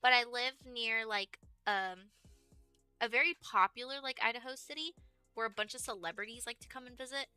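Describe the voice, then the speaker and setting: With background music playing softly, this twenty-something woman from Texas chats on her stream, filling her rambling talk with "um" and "like." Her voice sits fairly high and is sharp yet smooth, delivered at a normal speed with no echo.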